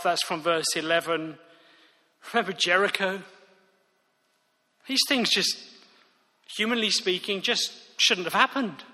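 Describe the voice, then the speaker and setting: A man's voice: high voice, sharp tone. A man preaching a sermon, earnest and emphatic, returning again and again to key phrases. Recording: reverberant hall.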